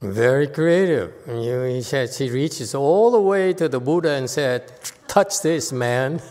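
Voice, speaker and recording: Buddhist teacher guy, slow and teasy, laughs a lot, kinda high voice, long hall echo. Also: expressive, dark tone. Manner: teasing, laughing often, blunt. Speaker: Buddhist teacher leading a class. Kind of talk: Dharma class teaching with banter.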